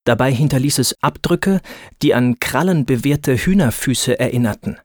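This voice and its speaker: A man telling a first-person adventure story in a calm, unhurried way, speaking directly to the listener. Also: medium pitch, dry recording, studio quality.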